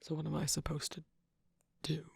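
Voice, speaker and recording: A performer voicing a sly, manipulative male cookie trickster in an ASMR roleplay, teasing and sarcastic, mostly in a soft whisper. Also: mid-range voice, completely flat delivery, moderate pace, vocal fry, slightly rough, no echo, heavily acted.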